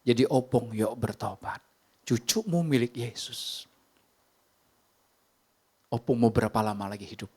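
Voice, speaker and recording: A man with an Indonesian accent preaching a sermon from a church stage, moving between lively emphasis and hushed whispers. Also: medium pitch, a little slow, pauses often, breathy edge. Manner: animated preaching, drops to whispers. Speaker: pastor. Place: church sanctuary.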